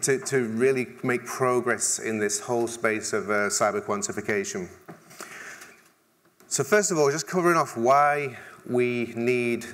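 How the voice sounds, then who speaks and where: A middle-aged Englishman gives a keynote on a large conference stage, keeping it conversational with dry humor and frequent restarts. His voice is mid-range with a fairly bright tone.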